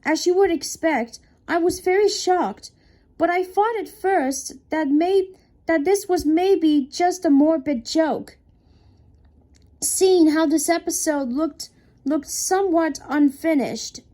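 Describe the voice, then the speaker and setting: Woman narrator, horror story read-out, slow and mellow, stumbles and restarts a lot. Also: very high voice. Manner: slow, halting, frequent restarts. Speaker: creepypasta narrator. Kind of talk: unscripted horror story reading.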